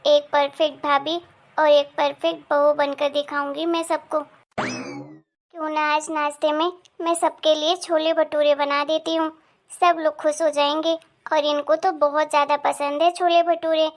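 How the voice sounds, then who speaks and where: An eager, sweetly polite young daughter-in-law in an animated family story, played by a woman. Her voice sits very high, bright and girlish.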